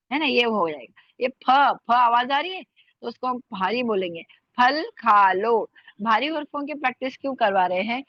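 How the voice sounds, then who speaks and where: A woman teaching an online language class, slowly repeating words and sounds for her students. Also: on the high side, no room sound. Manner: slow careful drilling of sounds, repeating words. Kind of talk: spoken language lesson. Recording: dull lo-fi sound.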